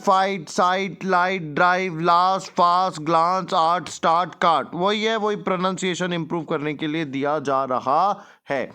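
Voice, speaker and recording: A man from India with an Indian accent tutoring young children, explaining in Hindi, reading English lines slowly and repeating words with quick rhetorical questions. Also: high-pitched, fairly bright tone, clean tone. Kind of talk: worksheet lesson for young children.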